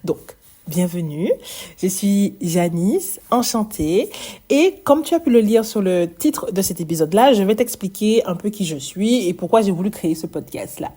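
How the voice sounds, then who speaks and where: A woman's voice: medium pitch, expressive, normal speed, warm tone, husky. A woman in her thirties from Martinique with a light Martinican French accent, hosting a chatty podcast in a bubbly, self-teasing way. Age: 30s. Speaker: podcast host, early childhood educator. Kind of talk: casual podcast monologue.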